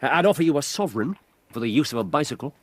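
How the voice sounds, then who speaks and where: An English actor playing Sherlock Holmes in a radio drama, a shrewd, intense detective with a precise, theatrical way of talking. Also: male voice, medium pitch, lively intonation, fast talker, breathy edge. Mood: coaxing.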